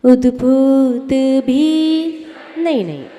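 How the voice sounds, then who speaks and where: A woman teaching how to chant a devotional Sanskrit hymn correctly, slowly repeating words to fix pronunciation and singing the verses. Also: high voice, lively intonation, mellow, a little hiss or hum. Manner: chants verses in a sung melody. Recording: long hall reverb with faint music.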